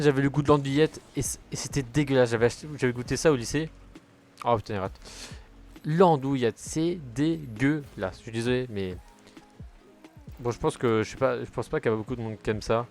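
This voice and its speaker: A man's voice: mid-range voice, fast, a little mellow, soft background music. Rambling young man streaming a game. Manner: chatty, rambling, swears at the game. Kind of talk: casual gaming commentary.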